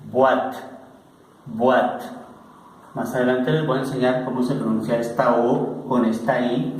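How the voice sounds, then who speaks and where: Slow, patient man in an echoey room. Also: mid-range voice, darkish tone, a little hiss or hum. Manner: slow and patient, repeats each example word several times. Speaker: French teacher. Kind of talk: online language lesson.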